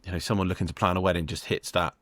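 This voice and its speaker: A man's voice: sits low, flat delivery, racing, no echo, studio quality. A man with a British accent, co-hosting a podcast, upbeat and teasing, asking his co-host questions. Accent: British English. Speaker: podcast co-host, wedding photographer. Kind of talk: casual podcast chat.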